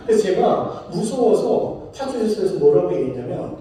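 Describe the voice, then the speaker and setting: Male preacher, high mellow voice, storytelling sermon, far from the mic in a very echoey church. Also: sing-song, moderate pace. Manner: storytelling, asks congregation questions. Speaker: pastor. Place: church sanctuary. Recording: roomy hall, from far off.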